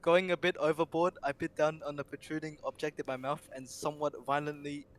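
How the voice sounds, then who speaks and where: A man's voice: fairly high pitch, fairly even intonation, brisk. A young man narrating an amateur comedic reading aloud, often stumbling over words and breaking into laughter.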